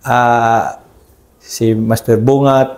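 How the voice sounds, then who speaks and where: Deferential soldier telling a war story. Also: male voice, medium pitch, little pitch movement, very slow, a little mellow, echoey room. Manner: deferential, ends nearly every phrase with "sir". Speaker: army scout ranger team leader. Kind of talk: conversational war story interview.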